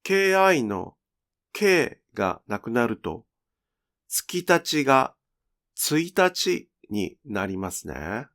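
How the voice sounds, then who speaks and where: A man teaching Japanese pronunciation in a clear, deliberate, teacherly way. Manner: slow, clear, teacherly with lively pitch. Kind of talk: scripted lesson narration.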